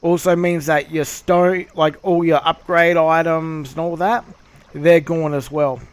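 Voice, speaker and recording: Higher-pitched man casually commentating on gameplay. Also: steady tone, a little slow, clear, resonant tone, no echo. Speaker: game streamer.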